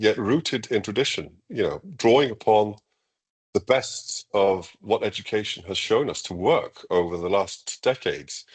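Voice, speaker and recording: Low-voiced Icelandic-born school leader, live Q&A, upbeat but halting. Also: male voice, slightly rough. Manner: measured, enthusiastic, many ums and restarts. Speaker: international school head. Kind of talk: live Q&A interview.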